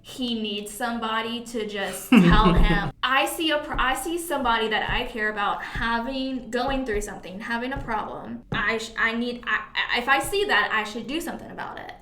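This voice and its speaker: A woman's voice: a little high, normal speed, hardly any pauses, fairly bright tone. A woman in her twenties, a podcast guest, talking in an earnest, caring way with many "like" fillers. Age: 20s. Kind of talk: casual chat. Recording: roomy echo.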